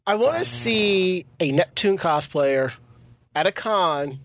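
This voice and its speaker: A man's voice: high-pitched, expressive, slow, fairly bright tone, slight background noise. A man co-hosting a podcast, chatting casually in an easygoing way about anime and conventions. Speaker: podcast co-host and audio handler. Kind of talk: casual chat.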